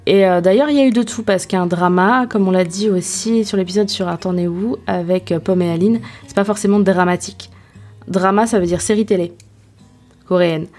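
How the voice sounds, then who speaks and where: A woman's voice: mid-range voice, brisk, darkish tone, faint music behind. A woman hosting a casual solo podcast, speaking in informal, slangy language with self-deprecating asides and searching hesitations. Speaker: podcast host.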